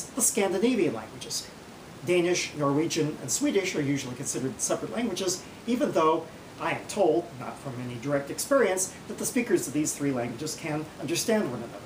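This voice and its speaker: A woman giving an educational lecture in a measured, didactic way. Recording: roomy, distant mic, faint rumbling noise.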